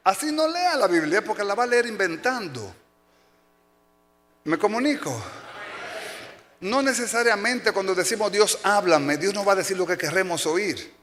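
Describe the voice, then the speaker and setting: A man preaching a sermon as pastor, telling stories with acted-out cries and shouts. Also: high voice, moderate pace, pauses often. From Dominican Republic. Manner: animated storytelling, acting out shouts and cries. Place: church sanctuary. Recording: long hall reverb.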